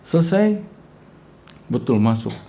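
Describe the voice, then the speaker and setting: A man's voice: medium pitch, very animated, takes it slowly, warm tone. A man teaching a religious class, telling a story with acted-out dialogue and jokes.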